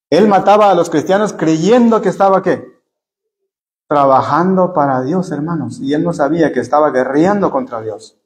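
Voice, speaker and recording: A man with a slightly high voice leads a Bible study sermon in church, earnestly addressing the listeners as brothers. He keeps repeating words as he searches for what to say.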